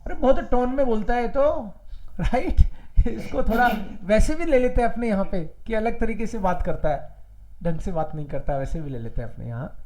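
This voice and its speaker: A man's voice: high-pitched, lively intonation, moderate pace, mellow, low-quality recording. A man from India teaching an online German class, repeating each word and mixing Hindi with English.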